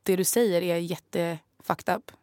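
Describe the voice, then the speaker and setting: A woman's voice: lowish voice, steady tone, darkish tone, no room sound, studio quality. A woman from Gotland co-hosting a podcast in casual chat, dropping English phrases into her talk. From Gotland, Sweden. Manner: mixes English phrases into Swedish, candid. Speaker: podcast co-host.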